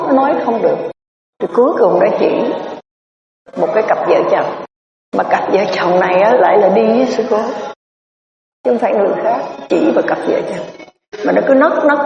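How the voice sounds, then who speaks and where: A Buddhist nun, giving a storytelling dharma talk in a conversational, winding way with many filler words. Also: female voice, medium pitch, creaky, a little mellow. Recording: echoey hall, distant mic, dull lo-fi sound.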